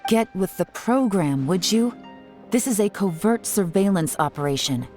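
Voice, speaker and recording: A woman plays a cool, shrewd intelligence officer in a video game, composed and commanding with dry confidence. Her mid-range voice is a little mellow, with lively intonation at normal speed, and the performance is lightly acted. Music plays behind her, and the mood is commanding and confident.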